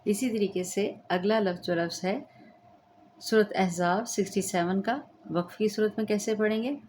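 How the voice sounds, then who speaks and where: A woman's voice: mid-range voice, steady tone, moderate pace, darkish tone, slight background noise. A woman teaching the rules of Quran recitation, patiently explaining step by step and checking that students understand. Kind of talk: slow tajweed lesson with chanted recitation.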